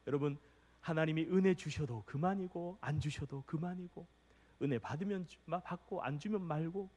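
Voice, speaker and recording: A man preaching a sermon as pastor, impassioned, swinging between hushed, near-whispered passages and loud, urgent calls. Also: a little high, normal speed, big-room sound.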